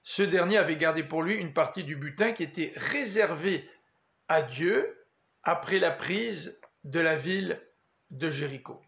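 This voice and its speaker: Man, pastor, daily devotional, high voice, echoey room, measured earnest delivery. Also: animated, creaky, fairly bright tone. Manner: measured, earnest preaching with emphatic pauses.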